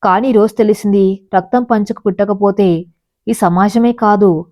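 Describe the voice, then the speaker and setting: A woman voicing a grieving stepmother who speaks quietly, holding back her hurt, in a storybook reading. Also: medium pitch, steady tone, moderate pace, close to an everyday voice.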